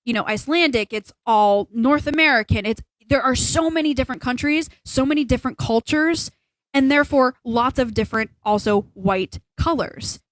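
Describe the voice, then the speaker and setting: A young woman co-hosting a casual podcast, her voice sitting a little high. She rambles through her opinions and leans hard on her points. The sound is dry and close, with no room echo. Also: normal speed. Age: young adult. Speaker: podcast co-host. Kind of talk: casual chat.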